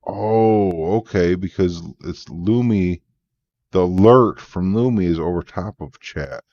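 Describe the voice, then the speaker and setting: A man's voice: deep voice, slow pace, no echo, highs cut off. A man live-streaming a game, chatting casually, sleepy and yawning, thanking his viewers. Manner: relaxed, tired, thanking viewers.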